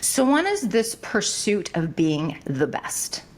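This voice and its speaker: A woman's voice: medium pitch, very animated, slow. A woman hosting a podcast interview, asking probing follow-up questions. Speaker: podcast host.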